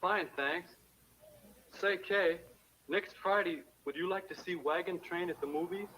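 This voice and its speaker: A man's voice: high voice, unhurried, bright, forceful tone. A man acting an earnest, nervous young American in a 1950s educational film, with stiff, polite, hesitant delivery. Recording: noisy old film soundtrack.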